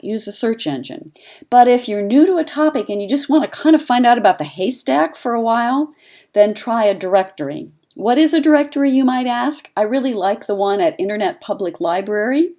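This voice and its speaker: A woman, a journalism instructor, narrating an instructional lesson in a clear, conversational teaching manner. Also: medium pitch, warm tone.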